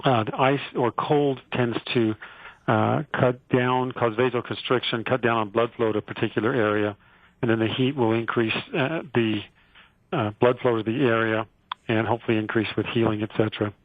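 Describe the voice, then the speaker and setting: A man, a physician guest on a radio show, explaining a treatment in a relaxed way with many fillers and restarts. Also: mid-range voice, moderate pace, no echo. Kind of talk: casual explanatory interview. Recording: tinny phone line.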